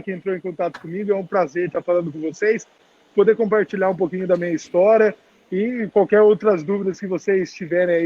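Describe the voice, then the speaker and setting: Guy w/ sao talking thru a face mask, high husky muffled voice, chatty career talk on a call. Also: a little mellow. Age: around 30. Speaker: guest speaker, TV journalist. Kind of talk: informal career talk to students. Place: public place, on a video call. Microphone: video call. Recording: dull, muffled call audio.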